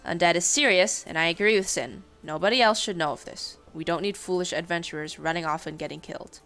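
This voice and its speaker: A woman voicing a calm, smooth-spoken stranger in red, reading aloud from a story. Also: on the low side, soft background music. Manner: smooth and measured.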